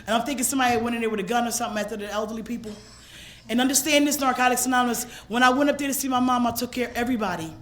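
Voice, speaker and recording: A woman from gives a personal recovery testimony at a convention. She moves between hushed storytelling and raw, shouted passages. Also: fairly high pitch, rapid-fire. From Philadelphia, USA. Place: convention hall stage.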